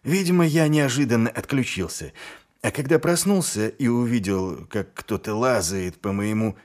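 A man voicing a gruff, sly middle-aged male watch commander who speaks with dry, mock-innocent menace. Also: mid-range voice, normal speed, a little mellow, natural voice.

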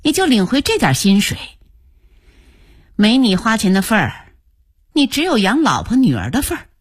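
A woman's voice: a little high, huge pitch swings, husky, pitched above the performer's own voice, full character voice. A woman putting on a sneering, bitter wife. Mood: scornful. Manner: sneering, quickening as she scolds. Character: bitter scornful wife mocking her husband.

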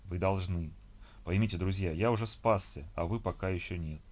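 A man voicing a calm, serene young man speaking softly and gently in an audiobook. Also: low voice, normal speed. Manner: soft, gentle, quiet.

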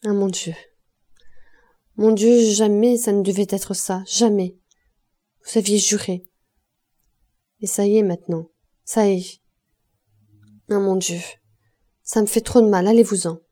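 A woman reading the part of a big, gentle young blacksmith who speaks with anguish and pleads through his grief. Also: mid-range voice, brisk, no room sound, clean studio sound, lightly acted.

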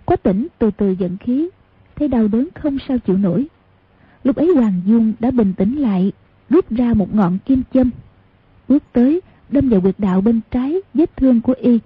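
Audiobook narrator: woman, very husky, tinny phone-like sound, measured reading. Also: a little high, no echo. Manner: even, measured reading, voicing each character. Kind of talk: scripted storybook narration.

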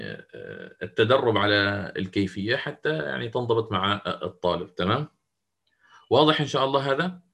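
A man teaching a lesson on Quran recitation rules. He explains step by step, asks questions and answers them himself, and slowly repeats each pronunciation he models. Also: fairly low pitch, vocal fry, a bit bright.

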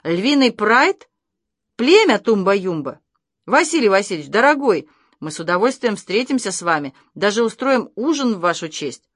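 A woman's voice: medium pitch, expressive, brisk, no echo, clean studio sound, lightly acted. Woman doing a flustered grumbly storybook dad, voice bouncing all over. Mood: exasperated. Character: fussy, bewildered family father.

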